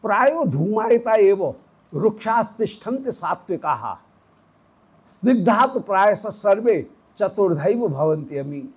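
Brief: male spiritual teacher, measured explanatory delivery, breathy tone. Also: high-pitched, big pitch swings, poor audio. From South India roots. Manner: explanatory, demonstrates Vedic pronunciation. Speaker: religious teacher. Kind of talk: devotional scripture discourse.

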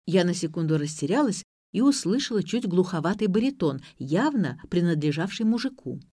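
Woman narrating an expressive audiobook. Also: on the low side, brisk, breathy edge, no room sound, studio quality. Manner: expressive first-person storytelling.

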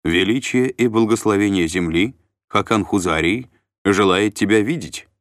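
A man's voice: fairly low pitch, normal speed, a bit bright, dry recording, clean studio sound, pitched above the performer's own voice, lightly acted. A man voicing a male guard commander who speaks formally, courteous yet firm, in an audiobook reading.

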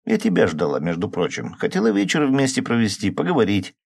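A man's voice: on the low side, very animated, a little fast, gravelly, a little mellow, husky, dry recording, clean studio sound, voice pushed up, full character voice. A man voicing an upset young woman who sighs and pleads plaintively, in an audiobook. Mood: pleading. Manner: plaintive, sighing. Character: upset young woman, worried about her drinking man.

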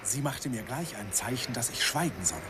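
In a classic radio play, an actor narrates as an older man wistfully recalling his youth, telling his story with chuckles. His medium-pitched voice is animated, a little fast, and close to an everyday voice, on a hissy old radio recording.

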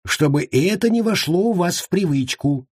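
A man voicing a smug, joking fat monk in an audiobook, his voice husky and lively. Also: high-pitched, moderate pace, no room sound, studio quality, pitched above the performer's own voice. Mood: smug, teasing. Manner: mocking, self-satisfied.

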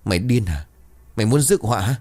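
A man voicing a stern old grandfather with a cane, gruff and commanding, in a ghost story. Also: on the low side, expressive, fast, darkish tone.

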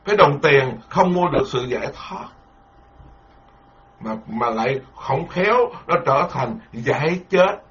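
A Buddhist monk giving a dharma talk, animated, repeating words and laughing ruefully. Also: male voice, on the high side, unhurried. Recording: lo-fi muffled recording.

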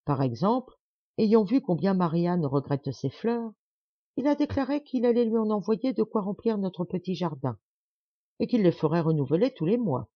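A woman's voice: mid-range voice, animated, moderate pace, dry recording, lo-fi sound, lightly acted. A woman reading the part of a proud, stubborn middle-aged man who talks with insistent, forced cheer. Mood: satisfied.

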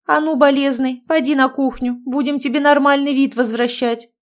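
A woman's voice: high voice, steady tone, normal speed, voice pushed up, natural voice. Woman doing a fussing old village granny.

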